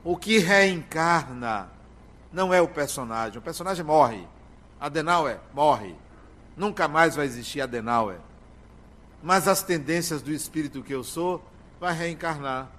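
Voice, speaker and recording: An older man delivering a spiritual lecture, speaking slowly and emphatically with drawn-out words and pauses. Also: on the high side, a bit bright.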